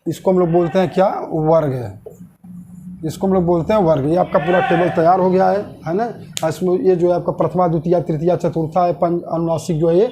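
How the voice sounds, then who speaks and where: Teaching grammar online, this man asks his class questions and supplies the answers, slowly repeating key terms. His voice sits high, steady and warm, and a little hiss or hum can be heard.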